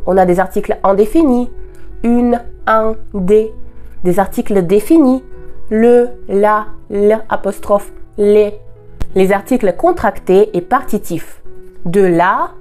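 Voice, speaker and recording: A woman originally from Russia, a native Russian speaker, explaining language points in a clear, deliberate teaching voice at a middling pitch. She slows down to model each example word. Soft music plays faintly underneath. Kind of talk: scripted explanatory lesson.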